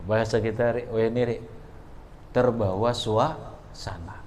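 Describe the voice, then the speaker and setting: A man's voice: fairly low pitch, steady tone, measured pace, darkish tone, slight background noise. A man with a Banjar accent teaching a religious book class at an Islamic boarding school. He reads Arabic phrase by phrase, explains each in local dialect, and stops often to quiz his students. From South Kalimantan, Indonesia. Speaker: kiai teaching a kitab class. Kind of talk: traditional religious book lesson.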